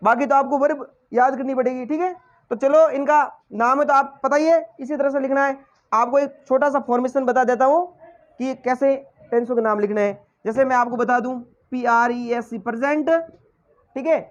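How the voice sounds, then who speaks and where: A man's voice: extremely high pitch, steady tone, moderate pace, highs cut off. A male teacher giving a lesson, quizzing the class with repeated questions and then answering them himself. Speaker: English teacher.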